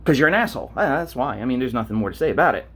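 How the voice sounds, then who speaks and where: A man's voice: medium pitch, animated, racing, husky. A man ranting on a vlog, blunt and profane, telling stories and asking rhetorical questions. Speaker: vlogger.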